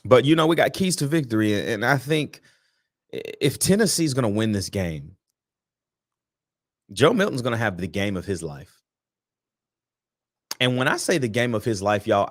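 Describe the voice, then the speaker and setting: Hosting a sports fan show, a man chats casually about an upcoming game with slang, repeated words and restarts, sounding sleepy and yawning. His medium-pitched voice is very animated, moves at a moderate pace and pauses often.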